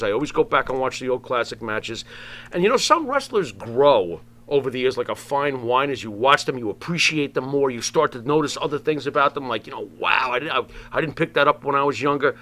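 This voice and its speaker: A man's voice: medium pitch, pushed and bright. A man chatting casually as a talk show co-host, emphatic and repeating words for effect.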